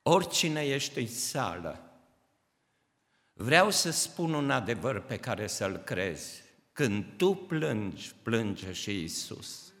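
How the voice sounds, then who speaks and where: Impassioned preacher in a reverberant hall. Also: male voice, medium pitch, sing-song. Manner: impassioned, swings from shouting to hushed. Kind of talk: sermon. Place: church hall.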